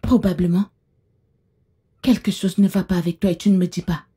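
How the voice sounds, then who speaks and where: A woman dubbing a husky, prying mother-in-law. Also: fairly low pitch, little pitch movement, moderate pace, mellow. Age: older. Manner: insinuating, coy about blunt topics. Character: scheming older mother-in-law, pushy, prying. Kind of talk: French film dub.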